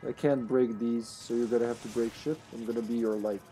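A man with a mellow, mid-pitched voice streams a game. He talks casually and playfully, chatting away in an excitable, loose manner. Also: brisk, soft background music. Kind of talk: casual chat while playing a co-op game.

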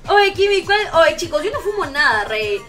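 High, bright-voiced excitable streamer woman. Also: moderate pace, soft background music. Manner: excitable, shrieks and swears while playing. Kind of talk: live game streaming chat.

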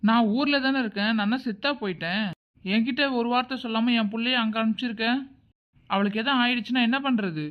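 A woman's voice: on the high side, fast, close to an everyday voice. A woman voicing an angry, protective middle-aged father in a homemade cartoon, speaking harshly and with threats. The recording is dull and lo-fi.

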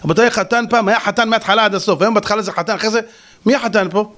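A male rabbi giving a lively sermon. He mocks freely and throws out rhetorical questions. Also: sits high, a little hiss or hum. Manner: animated, mocking, rhetorical questions.

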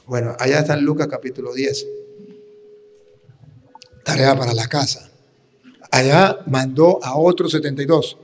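Preaching priest in a reverberant hall. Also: male voice, mid-range voice, steady tone, normal speed, pauses often. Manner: teaching, asks the audience questions. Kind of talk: sermon. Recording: long reverb of a large hall.

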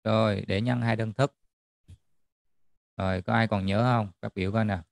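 A man's voice: on the low side, steady tone, moderate pace, vocal fry, no echo, studio quality. A man tutoring a math class online, checking in often with students as he explains. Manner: checks in often with students, repeating "được chưa?".

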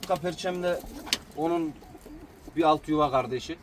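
Standing outside by his pigeon coop, a bird breeder with a somewhat high voice speaks at a moderate pace, describing each pigeon casually but with respect. Crowd noise comes through, along with cooing birds and general outdoor sound on this noisy recording.

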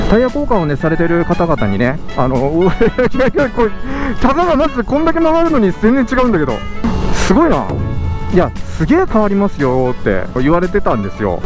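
A lively-voiced, excitable man hosts a motovlog while riding a motorcycle outdoors. His casual commentary is full of laughter, alternating loud exclamations with quiet muttering, over road and engine noise and background music.

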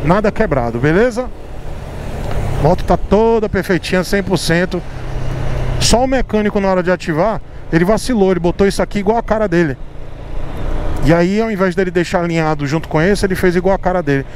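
High-voiced man vlogging from a motorcycle. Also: brisk. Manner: repetitive, explanatory, addresses viewers directly. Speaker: motovlogger. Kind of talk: casual motovlog talk while riding. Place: riding a motorcycle in city traffic. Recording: loud street and engine noise. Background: traffic and engine noise.

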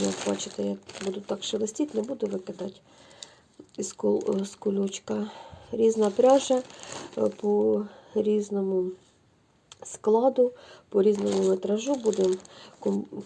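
A woman's voice: medium pitch, vocal fry, mellow, breathy edge. A middle-aged woman, chatting effusively to viewers as she shows knitting yarn at home. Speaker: knitting vlogger. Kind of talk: casual show-and-tell chat.

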